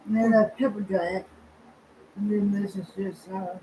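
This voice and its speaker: A woman's voice: medium pitch, fairly even intonation, moderate pace, warm tone, slight background noise, rough recording. A woman with a Southern American accent chatting easily at a quilting get-together, drawing out her remarks. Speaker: guest quilter. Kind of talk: casual chat.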